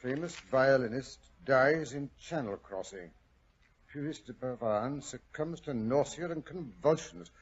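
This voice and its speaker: An actor playing Doctor Watson as an excitable, proper British gentleman sidekick in 1940s radio drama style. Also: mid-range voice, a little slow, slightly rough. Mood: puzzled, conversational. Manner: blustering, exclamatory, proper. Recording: muffled 1940s radio broadcast.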